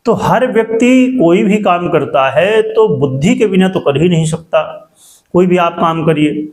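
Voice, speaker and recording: High-voiced man explaining astrology with echo. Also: lively intonation, measured pace, a little mellow. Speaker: astrologer presenting a horoscope video. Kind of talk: explanatory talk addressed to viewers. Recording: echoing voice, as in a cave.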